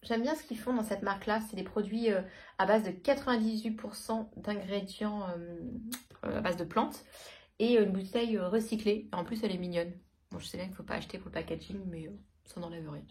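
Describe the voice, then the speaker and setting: A woman's voice: medium pitch, brisk, darkish tone. Chatty woman doing a shopping haul. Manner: chatty, hesitant, many fillers. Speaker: vlogger. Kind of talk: casual shopping haul chat. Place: home.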